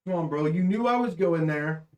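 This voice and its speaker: A man in his late twenties co-hosting a podcast, talking in an animated, teasing way as he builds up to jokes. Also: fairly high pitch, moderate pace. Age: 20s. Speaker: podcast co-host. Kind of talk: casual chat. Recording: echoey room.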